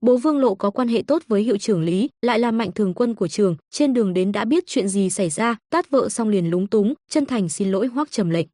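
A woman narrating a comic story in an even, steady reading. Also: medium pitch, brisk, hardly any pauses, dry recording, studio quality.

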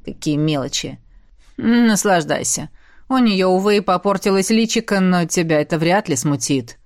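A woman's voice: lively intonation, normal speed. A woman voicing a cruel, cold-hearted male emperor who wields ice magic. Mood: cold menace. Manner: low, cold and menacing.

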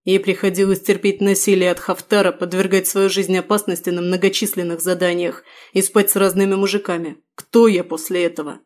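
Bitter condemned prisoner, hollow and flat, in an audiobook, as a woman reads him. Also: on the low side, fairly quick, hardly any pauses, lightly acted.

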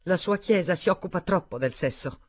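A woman's voice: lowish voice, expressive, fairly quick, no room sound, studio quality, voice pushed up. Woman doing a stubborn guy in love, firm and blunt, bit angry, audiobook. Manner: firm, blunt, restrained anger. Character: stubborn, earnest young man in love, Daniel. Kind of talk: audiobook dialogue reading.

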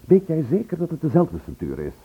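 A man acts a heavily dramatized radio-play role: a troubled, insistent figure questioned over his brother's murder, pressing his own questions with force. His slightly high voice swoops wildly, moves a bit quickly, and mixes vocal fry with breathiness, all through phone-quality sound. Agitation and puzzlement color his tone.

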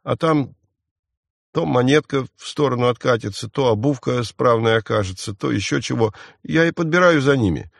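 A man's voice: medium pitch, vocal fry, dry recording, clean studio sound. A man reading an audiobook voices a frightened, defiant boy thief who whines and snaps back. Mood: wary. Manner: squabbling, whining, quick to snap back. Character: scrappy scared boy thief, defiant and whiny.

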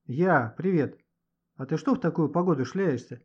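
Storybook schoolboy, read by a man: offhand, grudgingly helpful, lively voice. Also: fairly high pitch, normal speed, slightly rough, lo-fi sound. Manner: offhand, sighing.

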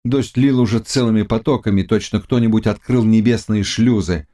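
A man reading a classic novel aloud as an audiobook narrator, in a dramatic, measured manner. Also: fairly low pitch, dark tone. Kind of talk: scripted literary narration.

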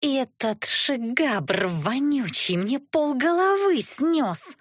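A woman reads as a prickly young female mage in a fantasy audiobook, lifting her pitch above her usual reading voice. The mage snaps and swears. The sound is close and dry. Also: lively intonation, a little fast, a bit bright, dry recording. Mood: snappish. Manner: snappish.

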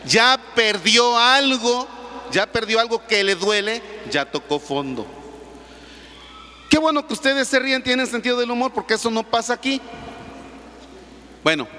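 Lively priest with a bright voice. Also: male voice, very high-pitched, moderate pace, long pauses, in a large hall. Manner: animated storytelling, teasing the congregation. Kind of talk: sermon. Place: large church.

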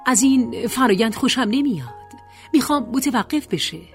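A woman's voice: a little high, animated, darkish tone, faint music behind, voice pushed up, natural voice. A woman voicing a desperate young woman who insists and pleads in a raised voice. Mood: insistent.

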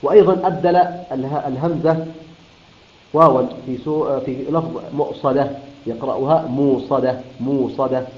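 A man teaching Quran recitation rules, explaining step by step, repeating terms and answering his own questions. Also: mid-range voice. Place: room of a Quran school. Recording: roomy, dull lo-fi room recording.

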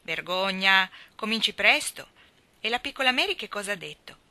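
A woman reading the part of a kindly middle-aged male German professor who gently teases a child. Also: medium pitch, lively intonation, fairly quick, no echo. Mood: gently teasing.

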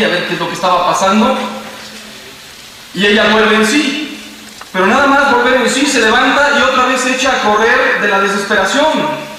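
A Mexican priest in his fifties giving a sermon, telling a story with dramatic swings between loud cries and hushed drops. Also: high-pitched, slight background noise. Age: 50s. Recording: echoey hall from far off, faint ambience.

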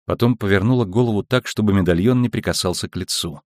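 A man narrating an audiobook in a measured, even reading. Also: fairly low pitch, dry recording, studio quality. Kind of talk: scripted narration.

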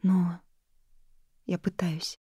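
A woman voicing a guarded, frightened young woman in an audiobook, often speaking in a hushed, breathy whisper. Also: lowish voice, flat delivery, very slow, dry recording, studio quality, full character voice. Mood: pleading. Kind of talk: audiobook character reading.

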